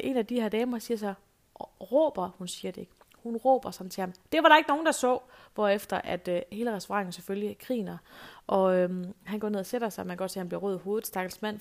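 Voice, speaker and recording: Middle-aged woman, mid-range pitch, chatty host telling anecdotes, lots of hesitations. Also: creaky, a little mellow. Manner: chatty anecdotal storyteller, many fillers. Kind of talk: casual storytelling monologue.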